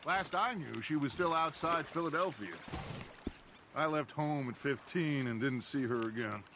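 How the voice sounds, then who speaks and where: Brief: male actor as an easygoing western outlaw, slightly high voice, relaxed and reflective, outdoor water ambience. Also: normal speed, background noise, natural voice.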